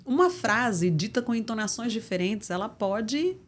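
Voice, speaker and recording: A woman's voice: a little high, sing-song, a little slow, a little hiss or hum. A middle-aged woman from Brazil with a Brazilian Portuguese accent, an interview guest and communication mentor explaining with emphatic examples. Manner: assertive, didactic, emphatic delivery.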